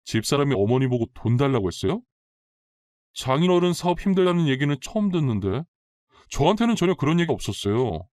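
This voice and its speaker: A man's voice: medium pitch, very animated, fairly quick, a little mellow, no echo, clean studio sound, lightly acted. A man voicing a level-headed grown son who speaks earnestly and reasons things out.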